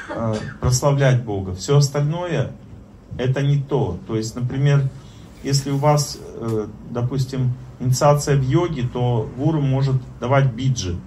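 Male spiritual teacher, middle pitch, halting informal lesson delivery with a faint noise bed. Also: darkish tone. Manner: halting, with many fillers and pauses. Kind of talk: informal spoken lesson on prayer.

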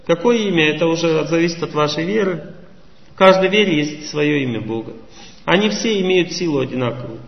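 A man with a high voice delivers a slow, teacherly religious talk, posing questions to his audience. He sounds set back from the microphone in a long-echoing hall. The sound is muffled and dull. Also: lively intonation, creaky, distant mic. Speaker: spiritual lecturer. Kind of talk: religious lecture. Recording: echoey hall, voice from afar, muffled.

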